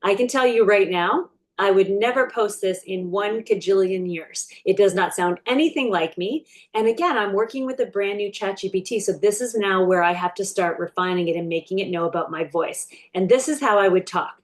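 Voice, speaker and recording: Woman, business coach, talking through a screen-share lesson off the cuff, with a mid-range voice, loose and chatty, slowing down while she types out prompts. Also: medium pitch. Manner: chatty and unscripted, with frequent fillers and restarts; slows right down while dictating prompts. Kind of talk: casual screen-share tutorial.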